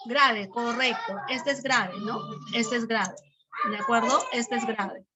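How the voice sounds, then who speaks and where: A woman's voice: a little high, steady tone, slow, background noise. A woman teacher giving a class. She explains step by step, repeats key terms, and keeps checking in with short questions. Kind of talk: online class lesson.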